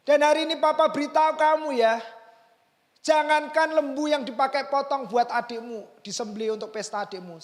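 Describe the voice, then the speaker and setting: A man's voice: fairly high pitch, fairly bright tone, big-room sound. A man acting out a loving father who insistently reassures his elder son. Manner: emphatic, coaxing and insistent.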